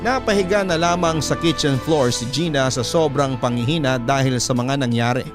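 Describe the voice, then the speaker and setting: A man who hosts a radio program, reading a first-person story as scripted narration in a measured, even way. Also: mid-range voice, music in the background. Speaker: storyteller host.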